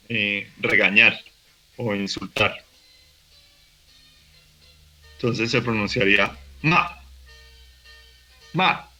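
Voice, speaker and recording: Gravelly bright-voiced man teaching. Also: medium pitch, rough recording. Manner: patient explaining, fillers and restarts, slow demonstration of tones. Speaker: language teacher. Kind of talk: recorded online workshop lesson.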